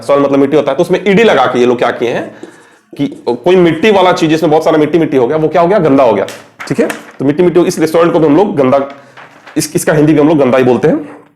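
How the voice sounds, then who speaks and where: A man's voice: fairly high pitch, a little mellow. Chatty Indian man teaching vocabulary. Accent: Indian English. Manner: chatty, asks questions and answers them himself. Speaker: English teacher. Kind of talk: Hindi-language vocabulary lesson at a board.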